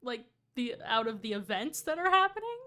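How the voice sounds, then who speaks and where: A woman's voice: on the high side, sing-song, brisk, pushed and bright. A woman playing her character in a game roleplay chat, chatty and curious, asking lots of questions. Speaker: roleplay player.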